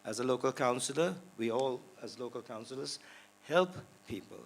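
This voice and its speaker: A man's voice: mid-range voice, normal speed, slight background noise. A man in his sixties from Sri Lanka giving a talk on a panel, earnest and rising to emphatic stresses. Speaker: panel speaker. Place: lecture hall.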